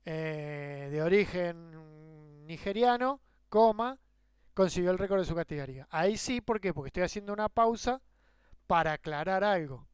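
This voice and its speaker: Rioplatense man teaching grammar, crisp and dry. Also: sits high, moderate pace, dry recording. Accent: Rioplatense Spanish. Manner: explains with rhetorical questions and worked examples. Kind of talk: grammar lecture.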